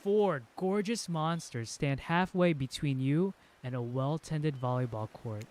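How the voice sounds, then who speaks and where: A man's voice: fairly high pitch, a little slow, a little mellow. A young man streaming a game, reading the story aloud and breaking off for joking asides with frequent chuckles.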